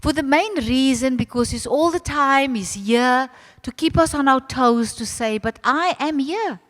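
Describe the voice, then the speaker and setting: An older woman with a South African accent gives an informal public speech, animated and direct, addressing her audience familiarly. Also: high voice, unhurried. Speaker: host of a ceremony, arts centre leader. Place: large reverberant venue at a public ceremony. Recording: echoey hall with long reverb.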